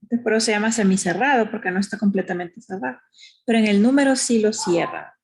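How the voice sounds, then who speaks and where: A woman's voice: medium pitch, fast, husky. A woman teaching a math lesson, explaining step by step in a patient way and often checking with "¿verdad?". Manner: patient, explanatory, uses diminutives, asks "¿verdad?".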